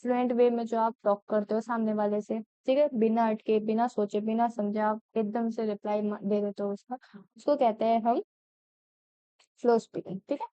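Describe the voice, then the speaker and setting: A young woman teaching exam-prep, her voice high, mellow and smooth. She talks chattily and keeps checking in with her listeners. The sound is dull and lo-fi. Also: fairly even intonation, moderate pace, no echo. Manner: chatty Hindi-English code-switching, checks with frequent "theek hai?".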